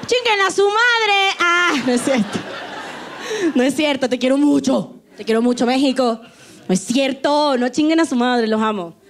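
High-voiced Venezuelan woman doing stand-up. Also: normal speed. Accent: Venezuelan Spanish. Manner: playful, teasing the audience, breaks into put-on voices. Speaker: stand-up comedian. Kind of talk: stand-up comedy set. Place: theater stage before a live audience. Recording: live crowd, faint room noise. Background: audience laughter.

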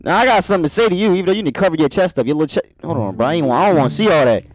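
A young man commentating a horror game as he plays, joking around and yelling in mock panic. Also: fairly high pitch, lively intonation, rapid-fire, slight background noise, rough recording. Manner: loud, jokey, yelling in panic. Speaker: gaming YouTuber.

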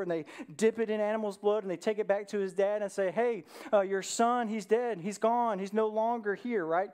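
A woman pastor preaches to her church, telling a story in a relaxed, conversational way. She keeps turning to her listeners with questions to draw them into the story. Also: medium pitch. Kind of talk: sermon.

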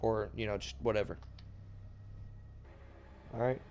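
A man's voice: lowish voice, fairly even intonation, measured pace, darkish tone, slight background noise. Congested young man, crude and laughing. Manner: crude, profane, laughing often. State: congested from a cold. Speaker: gamer and channel host. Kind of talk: casual gameplay commentary.

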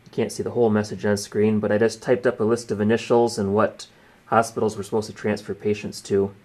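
This presenter, also taking part in the exercise, walks through a relaxed hands-on demo one step at a time from a small indoor radio desk. His voice is lowish and a touch mellow, delivered flatly and fairly quickly. There is a little room noise in the background.

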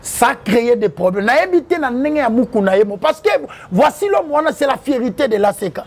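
Gravelly high-voiced man. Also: big pitch swings, brisk. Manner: preachy, cites the Bible. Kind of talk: interview mixing French and Lingala.

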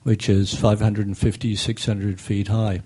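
An older man speaking at a desk microphone in a meeting room, giving a measured, technical public comment with frequent pauses and fillers. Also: fairly low pitch, little pitch movement, mellow, husky. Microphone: desk microphone on a stand.

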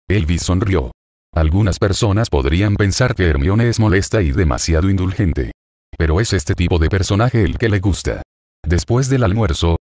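A man narrating a novel in an even, steady audiobook reading. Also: low voice, no room sound, studio quality.

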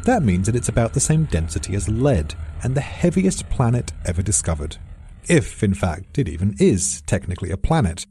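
A man's voice: lowish voice, dark tone, slightly rough, no echo. A British man reading a scripted science explainer in a dry, precise, lightly witty way. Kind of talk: scripted narration.

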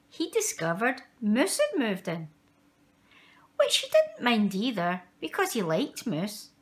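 A woman with a mid-range voice is reading a picture book aloud for young children. Her storytelling is expressive and unhurried, punctuated by dramatic emphasis.

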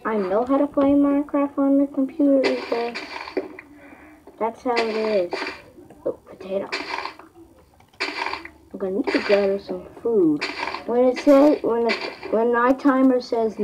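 A woman's voice: on the high side, muffled recording. A woman chewing gum while rambling through casual gameplay commentary on a laptop in a small home office. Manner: rambling, halting, many restarts. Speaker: gaming vlogger. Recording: noisy home recording with clicks.

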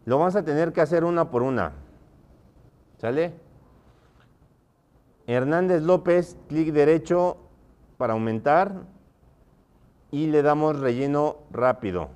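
A man's voice: fairly high pitch, measured pace, long pauses, darkish tone, smooth. A man teaching a live online class, often stopping to check that his students are following.

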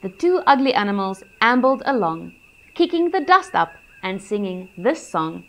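A woman reading a rhyming picture book aloud for children, gentle and expressive. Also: medium pitch, moderate pace. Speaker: children's storyteller.

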